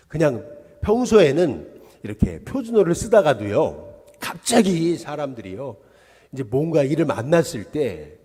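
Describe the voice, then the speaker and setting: A man, the senior pastor, giving a dawn service sermon in a church sanctuary, telling the story in an animated way. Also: medium pitch, breathy edge. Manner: animated storytelling, acting out quoted voices. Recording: long reverb of a church hall.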